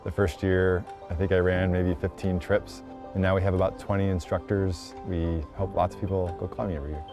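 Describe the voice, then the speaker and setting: A man's voice: sits low, little pitch movement, brisk, over music. A man working as a rock climbing guide, explaining plainly and encouragingly in casual outdoor talk. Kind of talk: casual interview talk and on-location instruction. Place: outdoors on wooded trail and cliffs.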